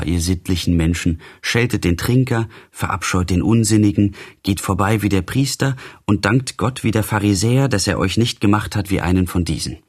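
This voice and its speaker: A man giving an impassioned, declamatory first-person reading of a classic novel in an audiobook. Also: deep voice. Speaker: reader.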